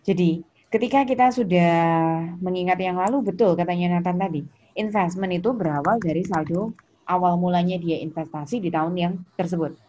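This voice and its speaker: A fairly low, dark-toned voice, slightly fast, belongs to an Indonesian woman giving an interactive online accounting lesson. She addresses students by name with questions and prompts, reinforcing key points by repeating them. The sound is muffled and lo-fi, with noise in the background.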